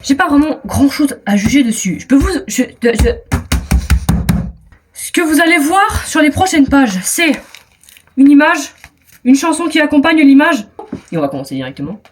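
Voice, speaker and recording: A woman's voice: high-pitched, sing-song, normal speed, long pauses, soft background music. A teenage girl with a French accent chatting casually in a vlog, self-mocking, with hesitant restarts and trailing off. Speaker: vlogger. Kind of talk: casual chat.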